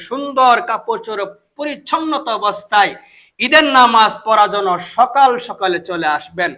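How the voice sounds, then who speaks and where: With an extremely high, pushed and bright voice, a Bangladeshi man speaking with a Bengali accent gives an emphatic sermon. He repeats key phrases and slowly chants the takbir.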